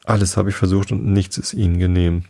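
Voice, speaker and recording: Scornful nesting pigeon, read by a man, accusing and aggrieved, deep gravelly storybook voice. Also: steady tone, brisk, warm tone. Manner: shrill accusing, sobbing complaints. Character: anxious, scornful female pigeon guarding eggs.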